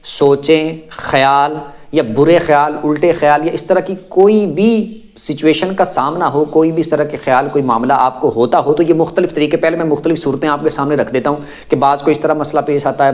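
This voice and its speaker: A man giving a reassuring, explanatory religious talk to viewers, repeating phrases and listing many examples one after another. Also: a little high. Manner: repetitive, lists many examples. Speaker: religious teacher.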